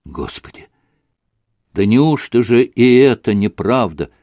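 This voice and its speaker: A man's voice: mid-range voice, sing-song, unhurried, darkish tone, dry recording, studio quality. A man reading classic literature aloud, with emotional, dramatic phrasing. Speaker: audiobook narrator. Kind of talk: expressive literary audiobook reading.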